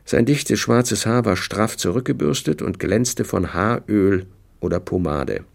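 A man reading a hard-boiled crime novel aloud as an audiobook narrator, with steady, dry storytelling. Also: lowish voice, a little slow, vocal fry. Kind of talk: scripted narration.

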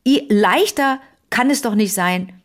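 A middle-aged woman co-hosts a podcast, telling stories in a casual chat and acting out the voices of the people she quotes as an animated storyteller. Her voice sits mid-range and she speaks at a measured pace.

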